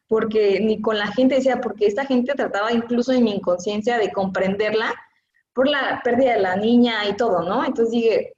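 Earnest Mexican woman in an echoey room. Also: fairly high pitch. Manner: earnest, emotional, heavy use of fillers. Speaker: interview guest. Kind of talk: personal testimony in a conversation. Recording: echoey, dull lo-fi room sound.

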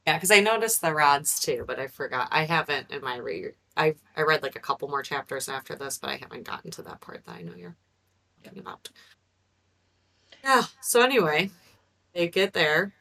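A woman's voice: deep voice, lively intonation, moderate pace, gravelly, pushed and bright. A woman on a casual book podcast, speaking in an easygoing, rambling way. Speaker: podcast guest.

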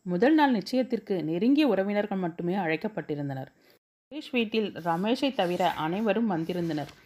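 A woman's voice: medium pitch, animated, normal speed, darkish tone. A woman reading a novel aloud as an audiobook, giving the characters' dialogue small voice shifts. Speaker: storyteller.

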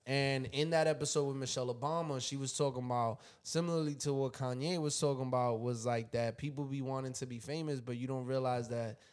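A man's voice: mid-range voice, steady tone, fairly quick, hardly any pauses, a little mellow. A man in casual podcast banter, easygoing and full of slang, dropping curse words without a second thought. His voice sits in an ordinary middle register. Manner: laid-back, swears freely, slangy. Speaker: podcast host. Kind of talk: casual chat.

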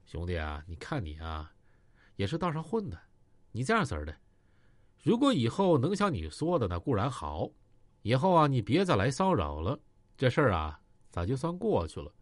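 A man voicing a cold, menacing tough man who speaks low and steady. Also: moderate pace, no echo. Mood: calm threat. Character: cold tough middle-aged man, gangster ex-soldier.

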